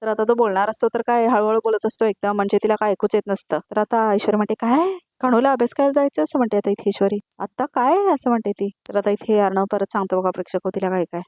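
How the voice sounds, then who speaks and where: A woman narrating a voice-over review of a TV serial episode, retelling scenes quickly and often addressing the viewers. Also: medium pitch, flat delivery, darkish tone, no room sound, clean studio sound.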